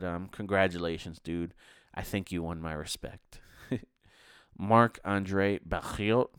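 Deep, smooth-voiced male podcast host. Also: no echo, studio quality. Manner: chatty, laughs between results. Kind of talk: casual fight review monologue.

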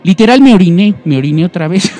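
A man's voice: sits high, fast talker, faint music behind. A young man with a Mexican accent casually telling a scary story among friends, acting out voices with lots of slang. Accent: Mexican Spanish. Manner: animated, acts out voices and screams, heavy slang. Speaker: storyteller guest.

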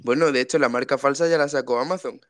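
A man's voice: mid-range voice, fast talker, a bit bright, a little hiss or hum. A man from co-hosting a casual comedic podcast, telling stories, laughing often and acting out quotes. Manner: jokey storyteller, laughs often and acts out quotes. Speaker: podcast co-host.

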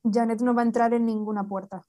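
A woman's voice: on the high side, level tone, quick pace, dark tone. A woman from playing a tabletop role-playing game, often hesitant and stammering. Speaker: player.

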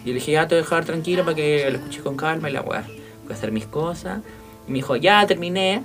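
A man with a Chilean accent, chatting as podcast co-host and telling a story in a slangy, animated way. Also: a little high, fast talker, music in the background. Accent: Chilean Spanish. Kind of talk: casual chat, storytelling.

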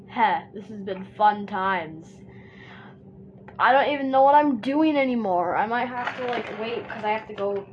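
A woman talks to her viewers while drawing, in a slow, unhurried ramble that keeps circling back on itself. She jokes around and scatters "like" through nearly every sentence. The sound is dull and muffled, with a steady hiss of noise underneath. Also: medium pitch. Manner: chatty and joking, says "like" constantly. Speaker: vlogger drawing on camera. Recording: dull, noisy home recording.

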